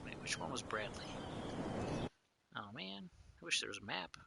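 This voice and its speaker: A man's voice: mid-range voice, big pitch swings, normal speed, creaky, heavy background noise. Mumbling male game streamer. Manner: mumbling, often drops to a whisper. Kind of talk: let's play commentary.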